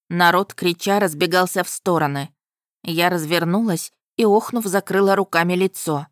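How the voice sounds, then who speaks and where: A woman narrates a fantasy story in the first person, wry and lively. Her voice sits fairly low and sounds dry and close to the mic. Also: dry recording.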